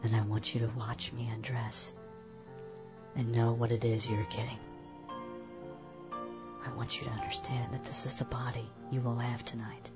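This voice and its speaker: A man voicing a seductive, teasing woman in her late thirties, in a breathy whisper. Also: mid-range voice, level tone, normal speed, pauses often, pitched above the performer's own voice, close to an everyday voice. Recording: dull, echoey, with soft music.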